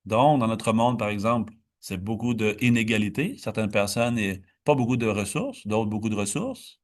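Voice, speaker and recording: A man teaching meditation in a dharma talk, explaining slowly, stretching key words and often restarting. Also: fairly low pitch, lively intonation.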